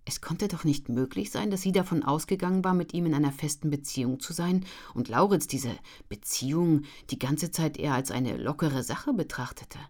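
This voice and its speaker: A woman reading a novel aloud in a calm, even narrating voice. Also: low-pitched, normal speed, few pauses. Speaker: audiobook narrator. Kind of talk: scripted narration.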